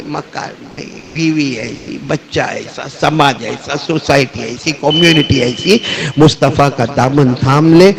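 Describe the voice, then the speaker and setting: Male preacher, sermon, fairly high voice, impassioned and rousing, keeps calling the crowd to respond. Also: low-quality recording. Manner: impassioned, repeatedly calls on the crowd to answer aloud; swings from high fervent cries to low hushed asides.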